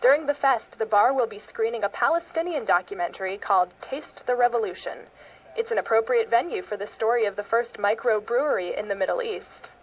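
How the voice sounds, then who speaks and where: American woman, public radio host reading a scripted report, voice on the high side, slightly lo-fi audio. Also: a little fast. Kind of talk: scripted public radio news feature narration.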